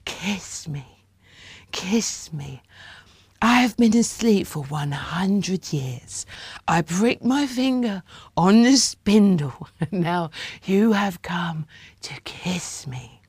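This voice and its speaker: A woman voicing a spoilt, bossy little girl with a lisp, in a hushed whispered role-play within a storybook reading. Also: lowish voice, animated, takes it slowly, dry recording, full character voice. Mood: coaxing whisper. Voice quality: lisping. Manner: breathy, hushed and coaxing.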